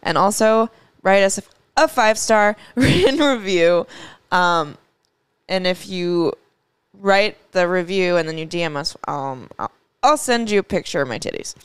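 A woman's voice: fairly low pitch, lively intonation, unhurried, smooth. A young adult woman chatting casually as a podcast co-host, crude and joking, interrupted by hiccups. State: has hiccups. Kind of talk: casual comedic podcast chat.

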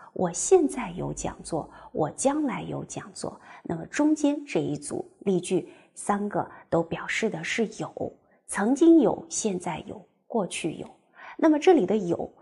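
A woman teaching a language class, explaining step by step and reading example sentences slowly and clearly. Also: medium pitch, dark tone. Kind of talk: recorded classroom lecture.

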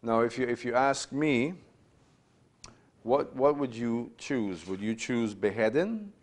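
Slow but lively in intonation, a mid-range male voice belongs to a man in his fifties leading a Bible class. He leans on emphasis, repetition, and rhetorical questions, picked up from a distance in a small room.

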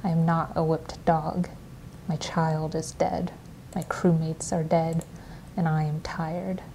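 A grieving woman pirate, locked up and exhausted, speaks low and nearly in a whisper, as a woman reads her lines. The voice is mellow and sits fairly low, with a flat, unmoving tone. Faint rumble sits underneath. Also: slow, vocal fry, heavily acted. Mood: weary. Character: weary grieving female pirate prisoner.

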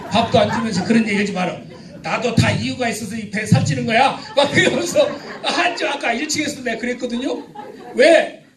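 A middle-aged man leading a joking, teasing seminar for a church crowd, sometimes shouting out cheers for the audience. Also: high-pitched. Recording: echoey hall, distant mic, noisy.

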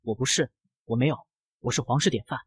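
A woman's voice: rumbling low, fast talker, slightly rough, no room sound, voice pushed down, full character voice. A woman voicing a proud, defensive young crown prince in a manga recap. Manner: haughty, indignant retorts. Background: loud background music.

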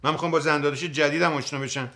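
An actor playing a carefree, teasing brother in a sitcom, nonchalant in manner. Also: male voice, fairly high pitch, steady tone, pushed and bright.

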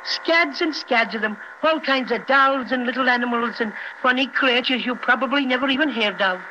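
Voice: mid-range voice, normal speed, natural voice. An actor playing a small, folksy, fussy toy bear guiding children in 1930s radio style. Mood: chatty. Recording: dull, noisy 1930s radio recording.

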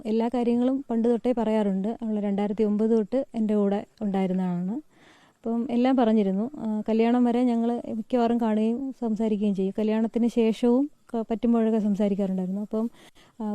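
A woman from Kerala recounting a friend's troubles to a reporter, halting often with fillers and restarts. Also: fairly high pitch, dark tone, no echo. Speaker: friend giving an interview.

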